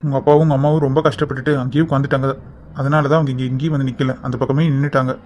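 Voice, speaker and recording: A man voicing a brisk, fatherly middle-aged uncle in a cartoon drama, with a dull lo-fi sound. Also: mid-range voice, little pitch movement, darkish tone, a little hiss or hum, close to an everyday voice. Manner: brisk, commanding. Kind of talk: cartoon voice acting.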